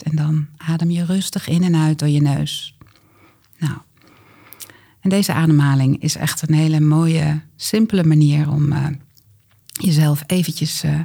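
A woman leads breathing exercises in an unhurried, instructional way. Her soft voice is mellow and breathy, with frequent creak. She sounds like a calm coach guiding someone step by step. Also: deep voice.

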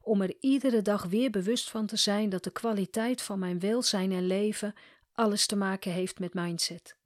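A woman voicing a young female client who is doubtful and searching, speaking quietly and reflectively. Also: medium pitch, fairly even intonation, normal speed, dry recording, clean studio sound, lightly acted.

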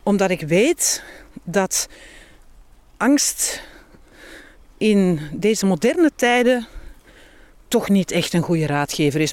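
In a casual interview, a female author and healthy-lifestyle speaker with a Flemish accent talks candidly and expressively. Her mid-range voice has a darkish tone, and there's no room sound.

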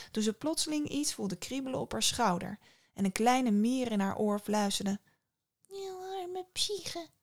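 A woman's voice: medium pitch, creaky. A woman reading a myth aloud as storyteller, in scripted narration with wry asides.

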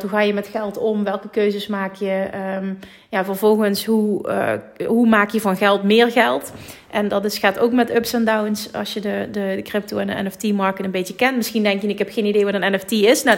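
A woman from Limburg with a thick Limburg Dutch accent, co-hosting a casual, unedited podcast, chatty and quick to laugh, slipping in English phrases. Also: medium pitch, steady tone. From Limburg, Netherlands. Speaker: podcast co-host.

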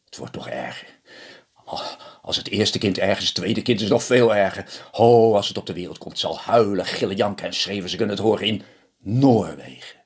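A man voicing an old little male ceremony master who tells fortunes, in a low hushed whispery voice. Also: lively intonation, normal speed, breathy edge. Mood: ominous.

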